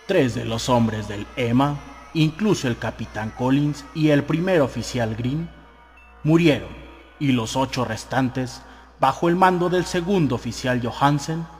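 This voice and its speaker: A man with a mid-range voice narrates an audiobook at an unhurried pace, reading a newspaper report in dramatized fashion. Music plays behind him, and the recording has a long hall reverb.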